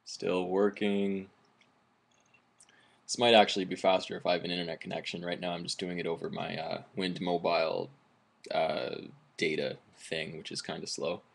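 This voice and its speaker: A man's voice: sits low, flat delivery, normal speed, creaky. A man in his twenties from Canada giving a casual gadget demo to a webcam at home. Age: 20s. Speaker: gadget reviewer. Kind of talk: casual demo chat to camera. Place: small room at home, indoors. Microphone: webcam at arm's length.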